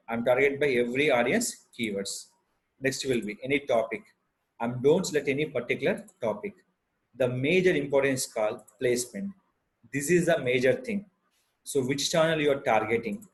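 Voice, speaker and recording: This unscripted software tutorial is led by a man with an Indian Telugu accent and medium pitch. He explains each step in halting phrases, repeating his instructions.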